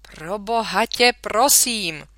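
Woman putting on a loud blustery fed-up dad, bright voice, storybook style. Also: a little high, expressive, clean tone, no echo, voice pushed up. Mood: exasperated. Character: exasperated harried father, blustering.

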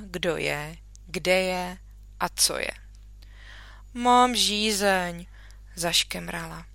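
Woman teacher, gentle storybook reader for kids, bright tone, dry close mic. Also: on the low side, no room sound. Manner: gentle and soft-spoken. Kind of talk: reading a children's book aloud. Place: at home, remote recording.

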